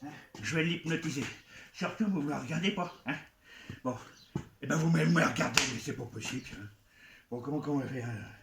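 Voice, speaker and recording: Speaking fairly quickly in a slightly high voice with vocal fry, a children's entertainer plays a goblin expert in a playful live comic show. He talks straight to the young crowd and coaxes them, in an echoey live venue with background noise.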